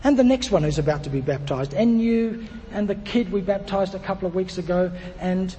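A man's voice: sits high, a little fast, mellow, big-room sound, a little hiss or hum. A man preaching a sermon in a conversational way, repeating phrases and restarting as he thinks aloud. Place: church.

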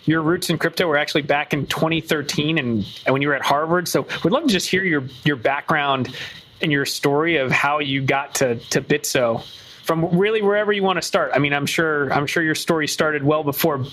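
A man's voice: fairly high pitch, fairly quick, a bit bright. Upbeat male podcast host. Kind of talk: scripted intro, then interview questions.

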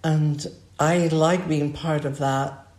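An older woman, a podcast co-host, musing in a relaxed, rambling way with restarts. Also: sits low, slow. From United States. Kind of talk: relaxed conversation. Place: home by a fireplace. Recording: roomy echo.

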